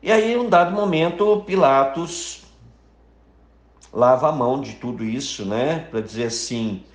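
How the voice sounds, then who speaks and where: A man's voice: mid-range voice, animated, measured pace. A man with a Brazilian Portuguese accent, a parish priest giving a daily homily, explaining the Gospel conversationally and acting out the quoted lines. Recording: echoey room.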